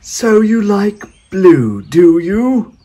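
A man voicing a wicked, cruel male wizard who gloats and speaks in a slow, drawn-out, booming way. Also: big pitch swings, warm tone, slightly rough, heavily acted. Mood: gloating.

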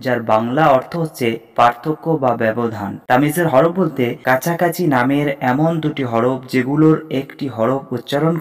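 A man teaching Arabic letter pronunciation as a Quran reading teacher, explaining step by step and repeating each letter name for learners. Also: mid-range voice. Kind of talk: slow, deliberate instructional lesson.

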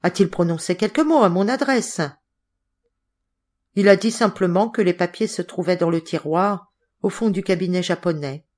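Low-voiced woman reading an audiobook. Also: moderate pace. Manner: steady, expressive reading. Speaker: audiobook narrator. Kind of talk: scripted literary narration.

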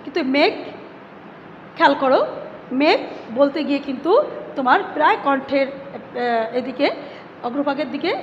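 A woman teacher giving an online class, explaining step by step, asking her students questions and sounding out syllables slowly. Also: high voice, animated. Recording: dull lo-fi sound with long reverb and faint noise.

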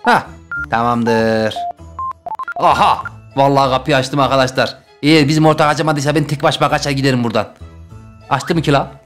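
A young man commentating as he plays a video game, excitable, jumping from loud high yelps to low muttering. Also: fairly quick, music in the background. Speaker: gaming YouTuber. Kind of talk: Let's Play commentary.

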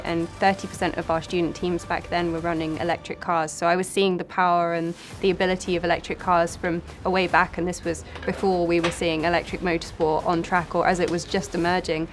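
Low, flat-toned woman co-founder. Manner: earnest, fluent, with brief restarts. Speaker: championship co-founder and director. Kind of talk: documentary interview. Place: dark studio set. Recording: music bed under voice. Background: music bed.

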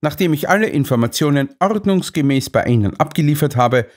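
A man's voice: fairly high pitch, animated, a little fast, pitched above the performer's own voice. A man reading as an earnest put-upon companion. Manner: earnest, indignant.

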